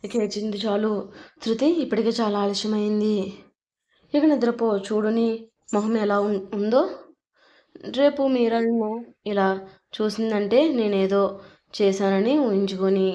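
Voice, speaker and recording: A woman voicing a young man who gently soothes his crying wife, in a coaxing, tender way. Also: medium pitch, measured pace, long pauses, lightly acted. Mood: soothing. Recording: dull lo-fi recording.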